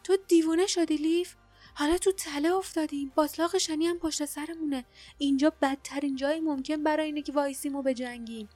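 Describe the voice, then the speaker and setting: A woman's voice: high voice, steady tone, soft background music, voice pushed up, lightly acted. A woman voicing a fierce young female fighter who protests angrily. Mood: angry. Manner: shouting, angry protest.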